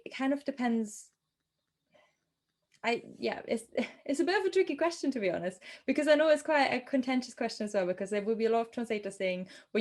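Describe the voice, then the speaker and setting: A young adult German woman, a native speaker with a German accent, appears as a translator guest answering interview questions about translation. She talks in a chatty way with many ums and restarts, in a mid-range voice.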